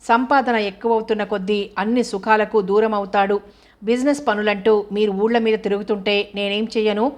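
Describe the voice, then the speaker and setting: A woman's voice: mid-range voice, fairly even intonation, brisk, darkish tone, natural voice. A woman voicing an angry, hurt young wife who accuses her husband with bitter sarcasm. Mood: bitter, reproachful.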